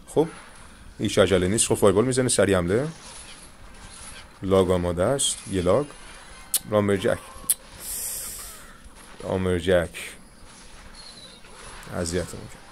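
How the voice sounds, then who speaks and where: A young man commentating his own mobile game match, calmly coaching viewers through each move. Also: deep voice, long pauses, a little hiss or hum. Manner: coaching viewers, calm reassurance. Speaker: gaming channel host. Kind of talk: live gameplay commentary with tips.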